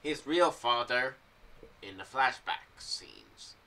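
Sharing fan theories off the cuff, this young video creator meanders and stumbles through his thoughts, yet his tone is expressive, bright, and forceful. The setup is a home boom-arm microphone with pop filter plus headphones in a small room, and background noise is obvious.

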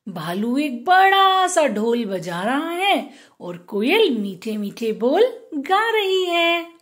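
A woman with a high voice teaches young children, reciting rhymes and asking questions she answers herself. She talks slowly and patiently and. The room gives her voice a clear echo. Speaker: primary school teacher. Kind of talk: teaching children Hindi matras and reciting poems.

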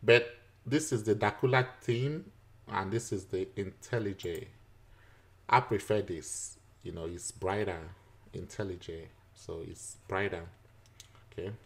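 A man teaching a screen-recorded software tutorial, explaining each step patiently, with frequent fillers and chuckles. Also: deep voice, takes it slowly, vocal fry.

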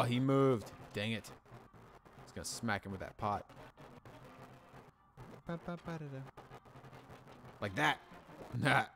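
A man streaming a video game from home in casual let's-play commentary, playful and animated, reading game text aloud and humming along. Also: mid-range voice, gravelly, a little hiss or hum.

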